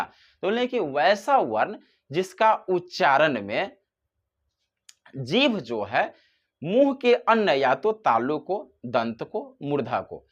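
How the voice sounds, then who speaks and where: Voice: medium pitch, lo-fi sound. A teacher giving a grammar lesson, posing questions and answering them, drawing out example sounds to show their length. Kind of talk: classroom-style grammar lesson.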